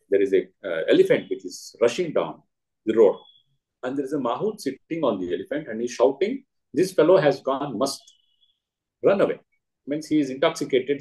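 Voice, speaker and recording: South Indian man teaching with animated pitch. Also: rough recording. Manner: emphatic, deliberate, short repeated phrases with pauses. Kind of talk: spiritual discourse answering a question, with parables.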